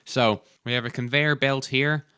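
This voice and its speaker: Bright-voiced man chatting enthusiastically. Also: medium pitch, fairly even intonation, moderate pace, clean tone, no echo. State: chewing gum. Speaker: host. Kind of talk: gameplay commentary.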